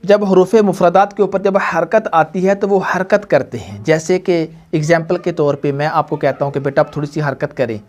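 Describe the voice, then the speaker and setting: A man's voice: a little high, steady tone, few pauses, darkish tone. Patient male teacher drilling a class. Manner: repetitive call-and-response questioning. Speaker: Quran reading teacher. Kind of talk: classroom lesson to students and viewers.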